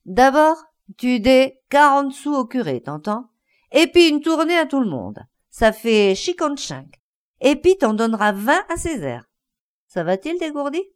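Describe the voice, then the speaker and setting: A woman's voice: high-pitched, sing-song, brisk, pitched above the performer's own voice. A woman voicing a big, burly male country man who bosses others in rustic peasant speech. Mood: bossy.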